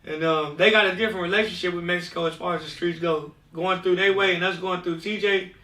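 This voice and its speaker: A man's voice: high voice, fairly even intonation, fast talker, bright, forceful tone, recorded from a distance. A man from California, a recording artist, talking as a guest in a casual interview, telling loose slangy stories and acting out the voices of people he quotes. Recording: roomy sound, voice set back from the mic.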